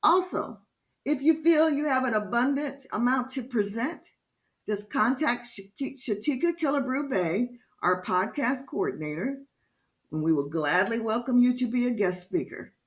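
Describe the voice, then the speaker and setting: A woman giving a prepared lecture-style talk to a discussion group, speaking slowly and with emphasis. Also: on the high side, expressive. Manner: slow, deliberate and emphatic. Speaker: speaker leading a discussion series.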